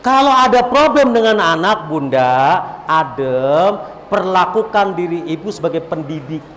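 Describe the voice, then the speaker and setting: A male preacher, preaching a lively sermon and calling out to the crowd. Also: on the high side, a little slow. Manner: animated, repetitive, calls out to the crowd. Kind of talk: religious sermon at a gathering. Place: large hall at a religious event. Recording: echoey hall, faint background noise.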